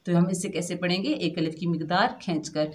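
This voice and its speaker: A woman's voice: fairly low pitch, brisk. A woman teaching Quran recitation rules to children, patiently explaining each rule step by step and then drawing out the practice syllables. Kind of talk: slow children's recitation lesson.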